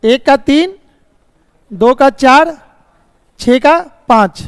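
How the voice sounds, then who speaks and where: A man's voice: very high voice, extremely slow, clear, resonant tone, no echo, long reverb tail. A man teaching a reasoning class live, explaining step by step, checking often if students follow, and sometimes scolding them about the course. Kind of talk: live online class lecture.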